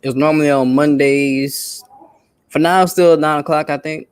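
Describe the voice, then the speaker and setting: A man's voice: a little high, fairly even intonation, moderate pace, smooth, no room sound. A man joining a livestream as a guest, chatting in a laid-back, slangy way and laughing often. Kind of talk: casual chat.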